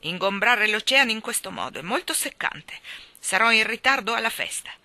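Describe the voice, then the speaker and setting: A woman doing a gruff, blustering old cod. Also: medium pitch, moderate pace, sharp tone, no room sound. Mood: irritated. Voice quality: gruff, raspy. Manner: bossy, blustering. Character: huge pompous bad-tempered male cod.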